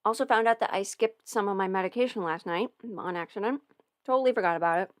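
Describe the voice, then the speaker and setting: Here a fast-talking woman with a mid-range voice rambles on a casual home livestream, muttering to herself as she tweaks her settings. An audio performer alone at home, she's captured with no echo via a studio mic and audio interface.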